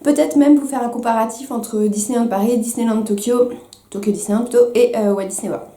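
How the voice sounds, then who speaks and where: A young woman chatting to camera as a vlogger, with many fillers and quick self-corrections. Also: a little high, fairly even intonation, dark tone, roomy sound. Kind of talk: casual chat to camera.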